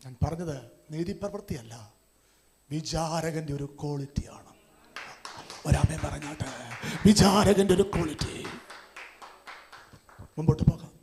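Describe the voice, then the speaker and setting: A male pastor, preaching a sermon with call-and-response, his voice rising at times to shouts. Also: on the high side, measured pace, long pauses, slight background noise.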